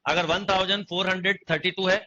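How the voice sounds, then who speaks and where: A young man lectures a maths class in a high, very bright voice, constantly checking that the students follow. The recording is dull and lo-fi, like a streamed coaching session. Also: fairly even intonation, fast talker, slight background noise. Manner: questioning students, repeating phrases. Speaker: maths teacher.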